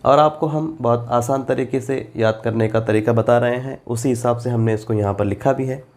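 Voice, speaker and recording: A man teaches a classroom grammar lesson on Quran translation, reading each Arabic phrase and then patiently supplying its Urdu meaning. His medium-pitched voice is steady and darkish, and he goes slowly and deliberately, repeating forms for practice.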